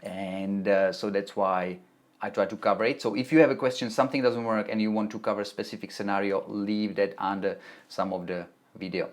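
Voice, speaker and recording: Fairly low in pitch, brisk, and flat in delivery, this man from the Czech Republic speaks with a Czech accent. He answers chat on a live stream about web development tutorials from his home office in Melbourne, chatting away, reading questions aloud, and frequently restarting sentences.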